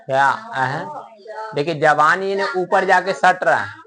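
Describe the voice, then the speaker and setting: A teacher leads a grammar lesson at an unhurried pace, sounding out each syllable clearly. The voice is bright and forceful. The teacher asks questions and then answers them, drilling the class by repetition. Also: medium pitch.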